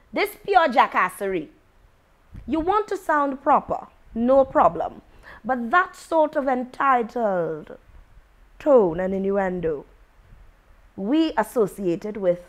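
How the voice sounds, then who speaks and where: A young woman from Trinidad and Tobago with a Trinidadian accent, giving blunt, sarcastic commentary that slips between creole and formal English. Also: high-pitched. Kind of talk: ranting commentary to camera.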